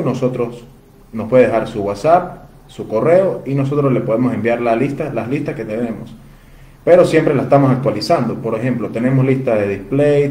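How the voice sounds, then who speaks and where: A Venezuelan man with a medium-pitched, dark voice sells phone parts and courteously answers viewers' questions during a live Q&A, addressing them as "usted." The audio has a roomy echo and faint ambient noise.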